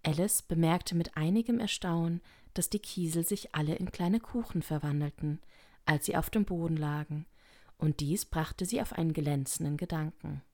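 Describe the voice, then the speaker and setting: A woman narrating a children's story in a calm, even reading voice. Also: deep voice, normal speed. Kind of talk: audiobook reading.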